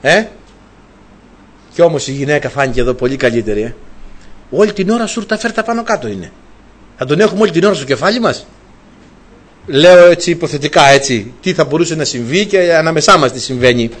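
A man's voice: fairly high pitch, expressive, long pauses. A man preaching a sermon, retelling a story animatedly and asking his listeners rhetorical questions.

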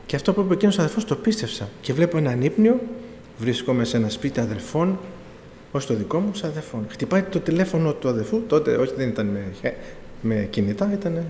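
A man's voice: mid-range voice, big pitch swings, dark tone. A middle-aged man preaching, telling his own story with quoted dialogue and pleading emphasis. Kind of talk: sermon testimony. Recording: echoey hall with faint room noise.

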